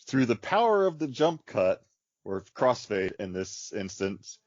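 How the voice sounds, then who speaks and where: A man's voice: lowish voice, very animated, a little slow, a little mellow, no room sound. A man co-hosting a film podcast, talking in a loose, chatty way full of likes. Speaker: podcast host. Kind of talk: casual film discussion. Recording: dry, dull lo-fi podcast audio.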